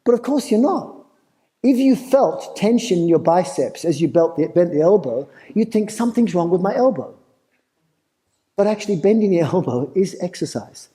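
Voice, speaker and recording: Aussie guy talking to a festival crowd, highish mellow voice, chatty and playful with the room. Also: lively intonation, moderate pace, rough recording. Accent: Australian. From Australia. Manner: engaging, asks the crowd questions, playful. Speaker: festival presenter. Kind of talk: live talk to an audience. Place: festival talk before a live audience.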